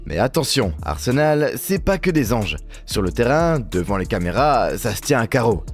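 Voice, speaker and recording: A man's voice: medium pitch, very animated, normal speed, faint music behind. A man doing humorous scripted voice-over commentary, teasing and mock-indignant as he addresses viewers directly. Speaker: video host and narrator.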